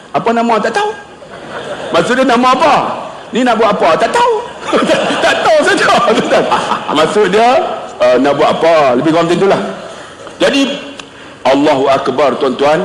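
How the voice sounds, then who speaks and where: A middle-aged male preacher gives a humorous religious lecture, loudly and animatedly telling stories and voicing the people in his anecdotes. His voice is high for a man and swings widely in pitch. The echoey hall has a long reverb, and there's a little hiss or hum.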